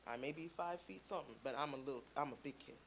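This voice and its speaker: A woman from Canada speaking to a church congregation, telling stories with playful asides in a lively sermon. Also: a bass voice, quick pace, a little hiss or hum. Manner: chatty storytelling with playful asides.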